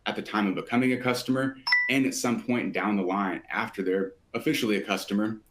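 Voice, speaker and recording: A man from a sales team hosting a live software webinar, walking listeners through the agenda in a steady, polished presenter manner. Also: fairly low pitch, a little fast, background noise.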